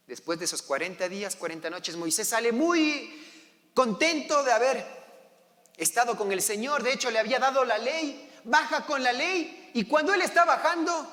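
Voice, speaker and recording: A man's voice: very high voice, very animated, moderate pace, pushed and bright. A man preaching a sermon as pastor, telling the story and acting out the voices of its characters. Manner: storytelling, acting out quoted voices, asking the congregation. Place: church hall. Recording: long church hall reverb.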